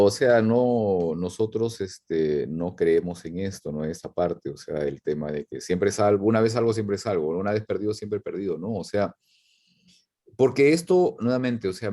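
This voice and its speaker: A man co-hosting a Sabbath school lesson discussion, answering thoughtfully and often pausing on "o sea". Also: lowish voice, warm tone. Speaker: Bible study co-host.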